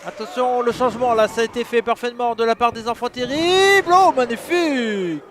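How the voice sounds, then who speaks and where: A man giving excitable live play-by-play as a wrestling commentator, exclaiming at the action. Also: extremely high pitch, fairly quick. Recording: noisy live event with crowd. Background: crowd at a wrestling show.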